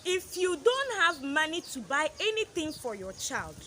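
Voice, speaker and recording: A woman's voice: high voice, sing-song, a little slow, sharp tone, a little hiss or hum. A woman, a mother, giving earnest advice to other mothers in a casual vlog, repeating her points and acting out what children say. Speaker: parenting advice vlogger, mother.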